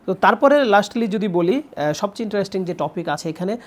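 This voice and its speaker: Presenting her own book in a promotional talk, a young woman with a medium-pitched, expressive voice explains things step by step, often pausing at length.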